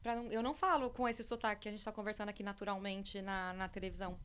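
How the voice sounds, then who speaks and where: A woman in her forties from the interior of São Paulo state, Brazil, speaks at a racing pace with a medium-pitched voice and a countryside Paulista accent, with slight background noise. As a podcast guest on a countryside farm, she's chatty and animated, often breaking off mid-sentence and starting again.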